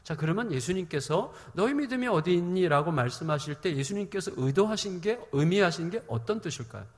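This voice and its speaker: A man preaching a sermon as pastor, animated and humorous, acting out the voices he quotes. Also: high voice, fairly quick, long reverb tail.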